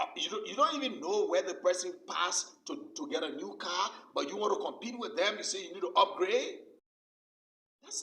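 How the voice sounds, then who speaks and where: A male pastor with a high-pitched, sharp voice preaches a sermon with emphasis, repeating his key phrases again and again. The distant mic gives it a roomy sound.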